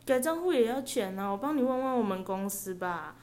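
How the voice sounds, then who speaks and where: A woman voicing a sweet-talking, evasive female scammer in a story, high and sugary. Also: expressive, brisk, darkish tone, lightly acted. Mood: fake-sweet.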